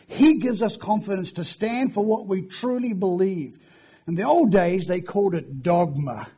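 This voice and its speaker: A man, preaching a sermon in a church, hoarse after the flu and chatty in a self-deprecating way. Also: high voice, dark tone. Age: 50s. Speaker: guest preacher.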